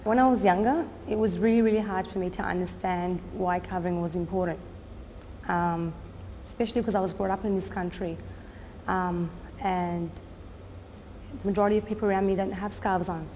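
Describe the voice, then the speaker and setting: A woman's voice: medium pitch, fairly even intonation, a little mellow, slight background noise. Woman with a long echoing reverb. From Australia. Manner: earnest, unhurried, with frequent "um" pauses. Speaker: fashion designer and business owner. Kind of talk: documentary interview.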